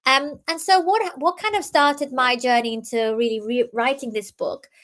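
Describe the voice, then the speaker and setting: A young woman gives a talk on innovation, her voice pitched a touch high. She speaks earnestly, stumbling over restarts and leaning on filler ums as she explains her ideas. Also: moderate pace, a bit bright. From Iran, raised in the UK. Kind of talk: talk presentation.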